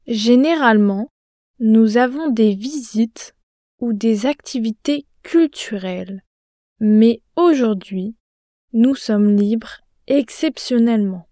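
Actress as a calm young student in a language-lesson dialogue, slow and mellow, dry studio sound. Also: female voice, fairly high pitch, no room sound. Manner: slow, careful, clearly articulated.

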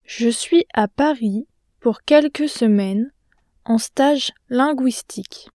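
A woman playing a young student on a language stay, speaking slowly and carefully in a scripted lesson dialogue. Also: on the high side, dark tone, dry recording, clean studio sound. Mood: calm. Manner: slow, careful, clearly articulated.

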